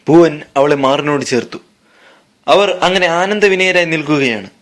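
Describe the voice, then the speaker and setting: A man's voice: fairly high pitch, moderate pace, a bit bright. Man narrating a comic tale dramatically. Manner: dramatic, mock-grand narration. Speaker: storyteller.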